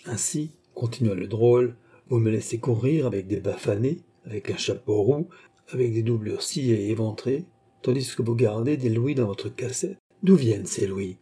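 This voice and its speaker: A man's voice: mid-range voice, lively intonation, moderate pace, warm tone, slightly rough. A man reading an audiobook, voicing a grasping rogue who talks in a mock-serious, pompous way. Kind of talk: audiobook character voice.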